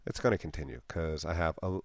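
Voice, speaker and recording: A man hosting a casual podcast, a stand-up comic who talks in a relaxed way with lots of "uh" fillers. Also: rumbling low, fast, dry recording.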